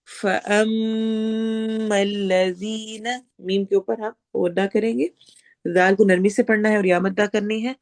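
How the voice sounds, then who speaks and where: A woman with a Pakistani Urdu accent teaching recitation rules, switching between quick explanations and slow modeled readings. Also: medium pitch, a little mellow. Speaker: Quran teacher.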